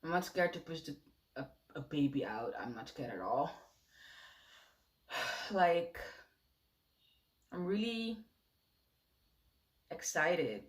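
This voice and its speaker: A young woman in her late teens, a native Dutch speaker, talking softly and haltingly in a personal confessional vlog. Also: low voice, expressive, echoey room. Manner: soft-spoken and halting. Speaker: vlogger. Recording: voice distant from the mic.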